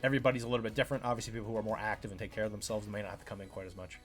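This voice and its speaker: A man's voice: fairly low pitch, level tone, racing, soft background music. A man, a chiropractor hosting his own podcast, talking in a casual rambling monologue full of fillers and acted-out patient quotes.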